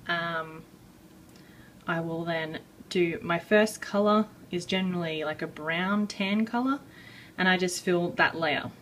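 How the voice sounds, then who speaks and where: A woman giving a casual drawing tutorial, rambling and self-deprecating with many fillers, a bit out of breath and clearing her throat. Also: on the low side, takes it slowly, fairly bright tone, recorded from a distance, slight background noise, rough recording. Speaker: art tutorial maker.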